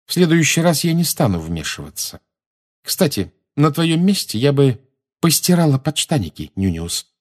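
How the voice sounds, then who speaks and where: A man's voice: a little high, sing-song, moderate pace, voice pushed up. A man voicing a scornful teenage girl. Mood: cool scorn. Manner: cutting, contemptuous.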